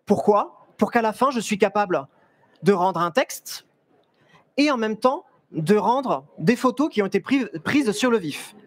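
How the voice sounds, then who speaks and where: A man's voice: high-pitched, unhurried, no echo. Chatty young man on a fair stage. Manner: lively, chatty, many restarts and fillers, joking with the audience. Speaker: photographer giving a talk. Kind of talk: live stage presentation. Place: stage at a trade fair, large indoor hall. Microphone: headset mic.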